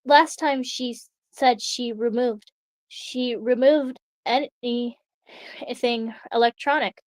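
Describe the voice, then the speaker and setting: A woman reading aloud as a shaken young female test subject, speaking haltingly. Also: a little high, a little mellow, dry recording, natural voice. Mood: hesitant. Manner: halting, hesitant.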